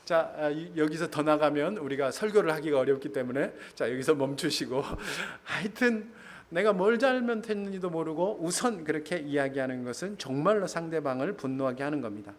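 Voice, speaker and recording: A man's voice: on the high side, lively intonation, brisk. A male pastor preaching to his congregation in church, often asking them questions. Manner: addresses congregation with questions, laughs. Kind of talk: sermon.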